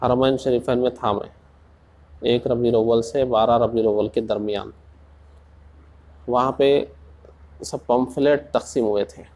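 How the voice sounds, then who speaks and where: A man's voice: mid-range voice, steady tone, long pauses, darkish tone. Impassioned male preacher. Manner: impassioned, rhetorical questions. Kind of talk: Urdu sermon.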